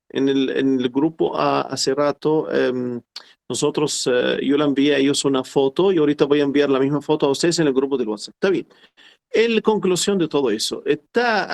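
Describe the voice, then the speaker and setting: A man's voice: fairly high pitch, vocal fry. Man teaching a class. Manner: explains slowly and repeats phrases, quotes Arabic formulas. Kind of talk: online class lecture.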